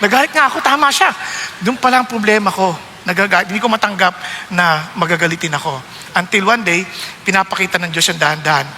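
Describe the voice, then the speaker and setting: High, bright-voiced Filipino pastor preaching. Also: male voice, fairly quick, long reverb tail, slight background noise. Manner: switches between Tagalog and English, asks the room questions. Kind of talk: sermon.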